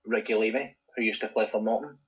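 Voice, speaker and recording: A man's voice: on the low side, fairly even intonation, fast talker, low-quality recording. A Scottish man co-hosting a casual podcast in a laid-back, chuckling way. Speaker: podcast co-host. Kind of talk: casual chat.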